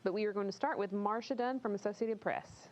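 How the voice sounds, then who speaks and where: A woman's voice: medium pitch, a little fast, a little mellow. A woman moderating a live press event in an informal, organized way. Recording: thin phone-like line.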